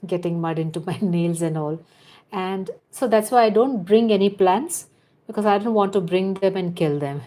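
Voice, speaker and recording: With a warm voice on the low side, a woman hosts a live crochet lesson. She counts stitches aloud, gives patient step-by-step directions, and chats to viewers in asides.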